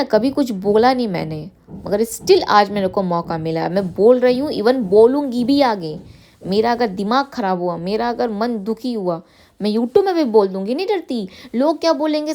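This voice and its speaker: A woman's voice: fairly high pitch, dark tone. A woman in her thirties speaking out in an emotional vlog, defiant and hurt, repeating herself and mixing English words into her speech. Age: 30s. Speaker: vlogger.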